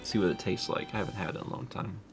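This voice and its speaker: Rapid-fire and low-voiced, a livestream co-host in his thirties reads viewer comments, rambling casually with plenty of laughter and self-deprecation. Soft background music plays throughout.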